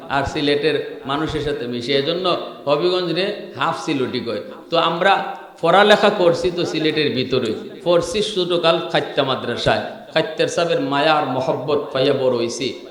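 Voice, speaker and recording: A man from Bangladesh with a Sylheti-tinged Bengali accent, preaching a storytelling sermon that climbs into loud chanted peaks. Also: a little high. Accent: Sylheti-influenced Bengali. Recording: echoey hall with long reverb.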